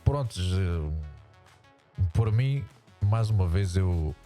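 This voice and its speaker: Male vlogger, European Portuguese accent, disguised by a voice changer that makes him very low and dull, rambling casual commentary. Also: expressive, very slow, warm tone, faint music behind. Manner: rambling, many restarts and repetitions. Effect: voice changer, pitched down. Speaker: YouTuber reacting to a sports show.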